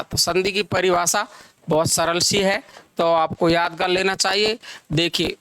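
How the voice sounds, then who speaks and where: High-voiced bright teacher, dry sound. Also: male voice, no echo. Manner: repeats phrases slowly while dictating, asks and answers own questions. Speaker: Hindi grammar teacher. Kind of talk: classroom lecture.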